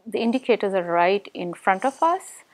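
A woman's voice: mid-range voice, big pitch swings, normal speed, a little mellow, no echo. An enthusiastic woman from New Jersey giving a testimonial about a course she took. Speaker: course participant. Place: large meeting room indoors.

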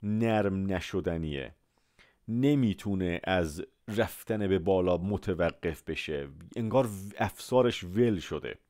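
A man teaching English vocabulary in Persian. He models each English word slowly and repeats it for listeners to say back. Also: low-pitched, expressive, darkish tone, no room sound, clean studio sound. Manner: slow, drawn-out model pronunciations of English words; repeats words and asks listeners to say them after him. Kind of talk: Persian-language vocabulary lesson with English examples.

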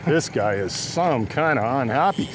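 A man's voice: fairly high pitch, lively intonation, takes it slowly. A man guiding a fishing trip, playful and laughing, joking and boasting while reeling in fish on a boat. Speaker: fishing lodge manager and guide. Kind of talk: casual outdoor fishing banter. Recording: boat and water noise behind.

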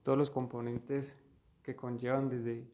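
Steady, even-toned Colombian man. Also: medium pitch, a little slow. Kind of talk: casual conversation about art.

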